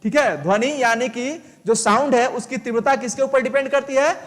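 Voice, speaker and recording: Male teacher, very high voice, patient step-by-step explainer, reverberant room. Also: a little fast. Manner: explains step by step with repeated check questions. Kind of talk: live online lesson.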